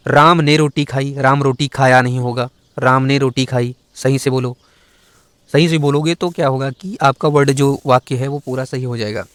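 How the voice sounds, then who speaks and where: A man's voice: medium pitch, no room sound. A man the area, teaching grammar for an exam and correcting errors in a conversational, rhetorical way. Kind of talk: Hindi grammar lesson for exam prep.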